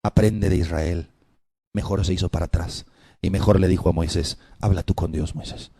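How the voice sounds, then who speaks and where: A man preaching a sermon with dramatic swings between loud cries and hushed whispers, hammering the listener with rhetorical questions. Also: deep voice, steady tone, normal speed, husky, no room sound, clean studio sound.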